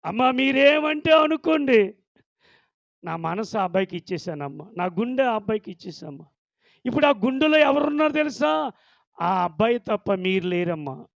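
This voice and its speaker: A man's voice: high voice, sing-song, normal speed, gravelly, no echo, muffled recording, heavily acted. A man voicing a young woman in love who pleads and insists with her parents. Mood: defiant.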